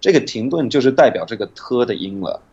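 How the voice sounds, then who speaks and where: Husky low-voiced man, patient teacher explaining pronunciation, dull lo-fi recording. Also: animated, a little mellow. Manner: patient, demonstrates sounds slowly.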